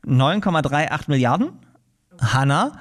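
A man's voice: a little high, expressive, normal speed. A man co-hosting a podcast who runs a literature quiz in a playful, joking way. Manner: playful, jokey. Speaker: podcast co-host, quiz master. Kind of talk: casual quiz chat.

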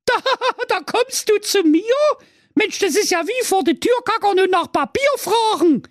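A man voicing a quick-tempered evil fairy woman in a comedic storybook, with a shrill, scolding voice. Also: animated, no echo, studio quality, exaggerated voice.

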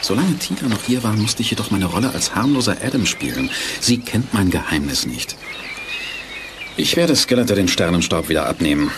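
A man playing a heroic young prince with a secret warrior identity in an eighties radio play, speaking softly and earnestly. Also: lowish voice, very animated, noisy background. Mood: resolute. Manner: soft voice, measured and earnest. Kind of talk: 1980s German radio play acting.

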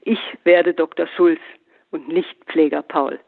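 A man's voice: a little high, steady tone, takes it slowly, vocal fry, full character voice. A man voicing a defiant young son who talks in a scornful, mocking way. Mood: sneering. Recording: phone-like narrow band.

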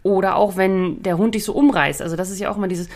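A woman dog trainer hosting a podcast lesson in a chatty, lively way, often checking in with listeners and laughing between points. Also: mid-range voice, fast. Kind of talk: casual spoken podcast lesson.

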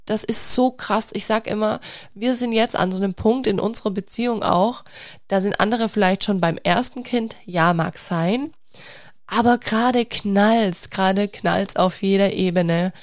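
A woman's voice: mid-range voice, measured pace, no room sound. Young woman, mother, candid vlog confession; dry close sound, open and searching delivery. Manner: open, searching, talks through restarts. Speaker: mother of two speaking to followers.

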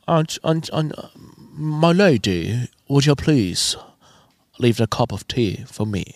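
A man's voice: medium pitch, lively intonation, a little mellow, no room sound. A man putting on a nasal, pompous 1640s nobleman. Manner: affected, drawn-out courtly speech.

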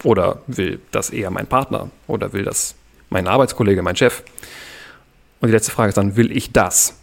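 Calm, measured German man explaining. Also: on the low side, gravelly. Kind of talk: podcast conversation.

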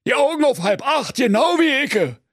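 A man's voice: very high voice, big pitch swings, moderate pace, no room sound, clean studio sound, voice pushed up, full character voice. A man voicing a shifty, cross-eyed church sexton who speaks with a Berlin accent and stammers evasively and cheekily. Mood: delighted.

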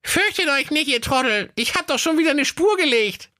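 A man's voice: very high voice, expressive, moderate pace, pushed and bright, no echo, voice pushed up, heavily acted. A man voicing a fearless, cheeky seven-year-old boy who talks carelessly.

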